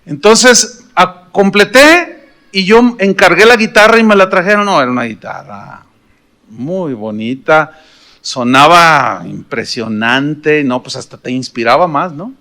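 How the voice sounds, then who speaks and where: High-voiced Mexican pastor telling a story. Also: male voice, a little slow. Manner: animated, humorous, questions the congregation. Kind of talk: storytelling sermon.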